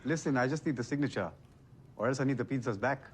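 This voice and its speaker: A man's voice: medium pitch, fast, slightly rough, close to an everyday voice. An actor playing a flustered young British pizza delivery man who keeps insisting, growing exasperated.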